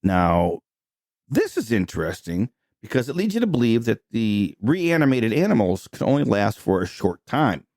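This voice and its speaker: Podcast host, man, animated storyteller, close dry mic. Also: lowish voice, moderate pace, no echo. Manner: chatty, retelling plot with filler words. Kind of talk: casual movie recap chat.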